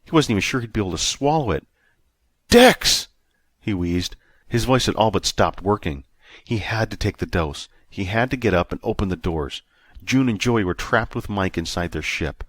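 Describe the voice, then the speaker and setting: Low-voiced male audiobook narrator. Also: expressive, brisk, no room sound. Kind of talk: scripted narration.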